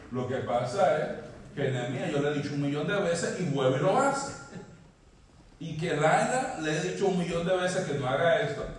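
A male pastor preaching a sermon, swinging from emphatic high peaks down to low quiet lines. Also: lively intonation, moderate pace, a little hiss or hum. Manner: preaching, rising emphatically, then dropping low. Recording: echoey hall, mic at a distance.

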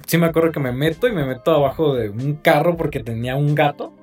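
A man's voice: on the high side, fast talker, a little mellow, soft background music. A man who chimes in on a casual podcast chat with short remarks, often laughing.

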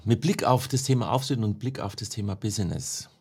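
Fairly quick and husky, on the low side, the speaker coach explains his points energetically in an interview, frequently closing with the tag question "ne?".

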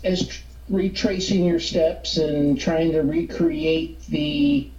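A man calling in as a guest over a speakerphone, answering questions in a hesitant, halting way with many fillers. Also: fairly high pitch, fairly even intonation, darkish tone. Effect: speakerphone call. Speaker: phone-in guest, paranormal investigator and author. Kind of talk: casual interview answers. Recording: muffled echoey speakerphone line.

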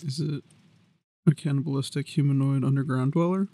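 A man's voice: medium pitch, steady tone, brisk, dark tone, slight background noise. A man co-hosting a podcast, teasing his friend with swearing and laughter while reading horror trivia. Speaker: podcast co-host. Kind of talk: casual podcast banter, trivia game.

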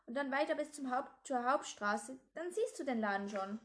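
Woman doing a hooded gang girl, storybook read-aloud; high, matter-of-fact. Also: expressive, normal speed. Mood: plain. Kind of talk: storybook reading.

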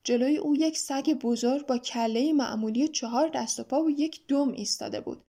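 High-pitched woman reading a kids book aloud, calm and even. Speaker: storyteller. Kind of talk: scripted audiobook narration.

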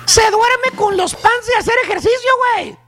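A man's voice: very high voice, moderate pace. A man with a Mexican accent doing a mocking comic monologue on a morning radio show, throwing "güey" into nearly every line. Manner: mocking, teasing, peppers lines with "güey". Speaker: comedy segment performer on a morning radio show.

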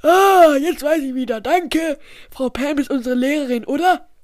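A woman playing a goofy, dim-witted and excitable schoolboy in a homemade story. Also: high-pitched, normal speed, dry recording, natural voice. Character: dim-witted cheerful boy pupil.

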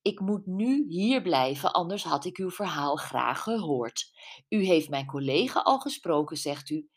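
A woman's voice: lowish voice, expressive, unhurried. A young male police officer in an audiobook, voiced by a woman reader. He is polite and stiffly formal.

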